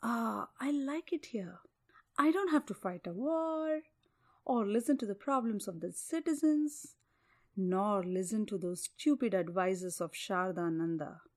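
A woman's voice: mid-range voice, lively intonation, unhurried, a little mellow. A woman voicing an arrogant young prince in a storybook tale. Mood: carefree. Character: arrogant young prince, carefree then frightened.

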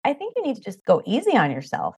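Female podcast guest, middle-aged, from New York, slightly high voice, casual candid conversation. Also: huge pitch swings, fast talker, a little mellow, husky. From New York, United States. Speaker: podcast guest, midlife magazine creator.

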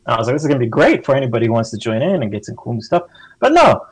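On a podcast, a male guest with a medium-pitched, husky voice chats casually about a game, speaking in an animated, rapid-fire way. He rambles, restarts often, and acts out quotes with gusto. The recording is dry and low quality.

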